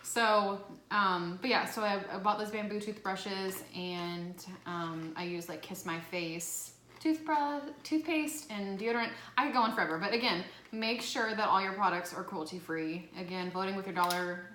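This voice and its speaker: A woman's voice: mid-range voice, normal speed, fairly bright tone. A woman with a Southern US accent hosting a casual food vlog, chatting with lots of fillers. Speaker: vlog host. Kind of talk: casual chat. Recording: echoey room, faint noise.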